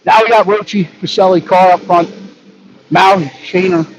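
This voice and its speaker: A man giving brisk live hockey play-by-play, narrating each pass and leaning toward the home team. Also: high-pitched, steady tone, soft background music. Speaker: play-by-play announcer. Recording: dull lo-fi audio with faint background noise.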